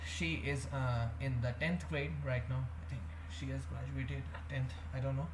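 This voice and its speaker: Talking to camera, an Indian vlogger, a young man, confesses things in a halting, meandering way, restarting often and using lots of fillers. He has a medium-pitched voice with little pitch movement at a moderate pace. There's echo and a faint hum in the background.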